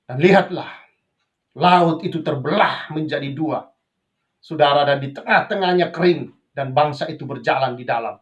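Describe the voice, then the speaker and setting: A man who is a pastor preaching a sermon, swinging between raised passages and quiet asides, often addressing the congregation as brothers and sisters. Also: on the high side, highs cut off. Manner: preaches with sudden rises and drops, addresses listeners as brothers and sisters.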